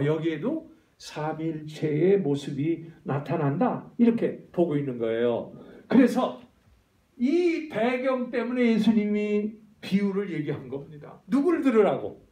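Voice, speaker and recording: A man's voice: sits high, lively intonation, normal speed, warm tone. A male pastor preaching a sermon, often asking the congregation questions and drawing answers back. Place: church sanctuary. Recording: echoey church hall, voice from far.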